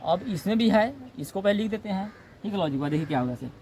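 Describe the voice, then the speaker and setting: High-voiced grammar teacher, lilt. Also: male voice, expressive, fast, darkish tone, a little hiss or hum. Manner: repetitive, checks in with "है ना"; acts out comic example dialogue. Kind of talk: classroom lecture. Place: classroom.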